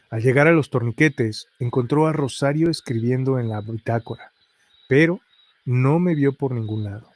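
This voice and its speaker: A man's voice: mid-range voice, darkish tone, no echo. Man narrating horror stories. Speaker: storyteller. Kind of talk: scripted horror story narration.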